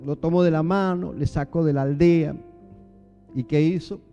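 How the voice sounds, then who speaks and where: A man preaching a sermon in a church with an Argentine Spanish accent, animated and full of rhetorical questions to the congregation. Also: fairly high pitch, moderate pace, lo-fi sound, soft background music. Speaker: pastor.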